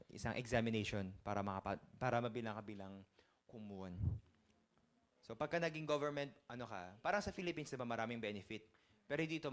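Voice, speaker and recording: Man teaching vocabulary, casual and chatty. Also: medium pitch. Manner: explains terms in mixed Tagalog and English, asks learners questions. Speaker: Korean language teacher. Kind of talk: casual online language lesson.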